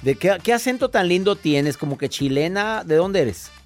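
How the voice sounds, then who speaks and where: A male radio host, playful and teasing, often cutting in on his guests. His voice sits a little high for a man. Faint music plays behind him in the studio. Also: lively intonation, normal speed. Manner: teasing, jokey, talks over others. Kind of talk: playful radio call-in chat.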